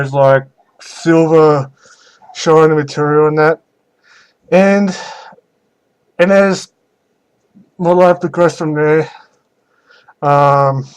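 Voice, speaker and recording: A young man speaks in a slightly high voice at a slow pace. He talks casually and without a script, like a vlogger taking viewer questions. His delivery is halting and hesitant, with frequent pauses in the middle of sentences. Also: a little mellow. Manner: halting, hesitant, pausing often mid-sentence. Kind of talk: casual unscripted question-and-answer talk.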